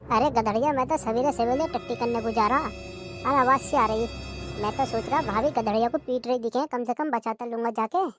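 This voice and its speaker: A woman's voice: a little high, normal speed, music in the background, lightly acted. A woman voicing a nosy, meddling male neighbour in a cartoon comedy, chatty in manner.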